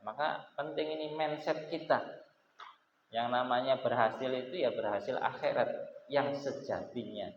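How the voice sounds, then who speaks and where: A man's voice: mid-range voice, steady tone, moderate pace, a little hiss or hum. Indonesian male ustaz in echoey hall. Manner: explaining grammar, chanting Arabic phrases. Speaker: Islamic teacher. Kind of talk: Quran commentary lesson. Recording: echoey hall, tinny phone-like audio.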